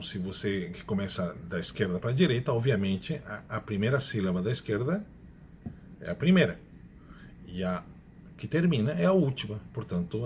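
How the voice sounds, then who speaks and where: A male Spanish teacher gives a classroom grammar lecture in a lowish, somewhat dark voice, with slight hiss or hum on the recording. He explains carefully, slowly repeating examples and correcting himself.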